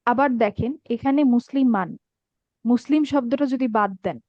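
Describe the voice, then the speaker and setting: A woman's voice: on the high side, normal speed, no room sound. A woman teaching an online Arabic grammar class, patiently checking that students follow. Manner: patient, checks understanding often. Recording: dull dry lo-fi sound.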